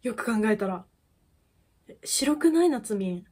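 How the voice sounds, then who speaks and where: A woman's voice: fairly high pitch, lively intonation, measured pace, darkish tone, breathy edge. A young woman talking casually as she reacts to a music video, gushing and exclaiming with frequent laughs. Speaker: idol fan YouTuber.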